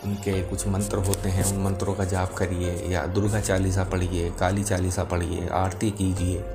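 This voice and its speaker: A man speaking as a spiritual teacher, explaining devotional matters to viewers in a calm, gentle and patient way. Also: deep voice, normal speed. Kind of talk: spoken religious explainer to viewers. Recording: music behind the voice. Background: music.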